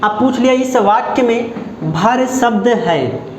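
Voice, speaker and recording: Brief: male Hindi grammar teacher, Uttar Pradesh accent, high voice, echoey classroom with faint noise. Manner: slow and deliberate, repeating phrases and checking understanding. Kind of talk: classroom lesson.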